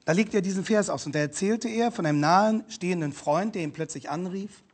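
A man with a notably high voice delivers a sermon to a congregation. He speaks emphatically, addressing his listeners directly, swinging between loud exclamations and hushed asides. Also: brisk. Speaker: preacher.

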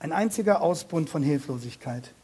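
Preaching on a Bible passage, this man speaks with emphasis, drawing out and repeating important words while questioning his audience directly. His pitch runs on the high side, and he sounds animated and mellow with a breathy edge.

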